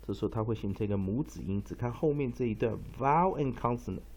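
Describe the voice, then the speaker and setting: A male English teacher giving a pronunciation lesson, explaining at length with many drawn-out fillers and reading dictionary entries aloud. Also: medium pitch, lively intonation, a little mellow. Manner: reads dictionary entries slowly.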